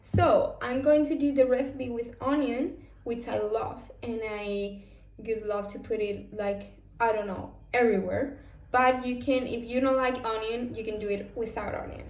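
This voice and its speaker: A woman's voice: on the high side, fairly even intonation, moderate pace, a little mellow. A young woman from Spain with a Spanish accent, chatting casually in a cooking vlog and repeating herself for emphasis. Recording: echoey room, a bit far from the mic.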